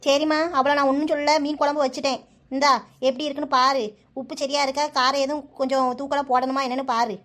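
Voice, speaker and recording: A woman's voice: high-pitched, flat delivery, fast talker, a bit bright. A woman voicing a busy, practical village housewife in a cartoon, explaining her cooking in a Kanyakumari accent. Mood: complaining. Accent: Kanyakumari Tamil. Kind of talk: cartoon voice acting.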